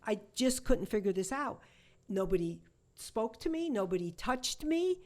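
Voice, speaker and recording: A woman, a shamanic healer, telling a personal story in an interview, halting and emotional, with many restarts and repetitions. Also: a little high, sing-song, a little mellow.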